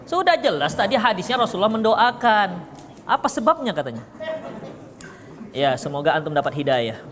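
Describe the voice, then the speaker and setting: A man's voice: high-pitched, big pitch swings, normal speed, a bit bright. A man giving a religious study lecture, explaining with a joking, teasing manner and answering questions from the audience. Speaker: religious teacher. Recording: echoey hall, faint background noise.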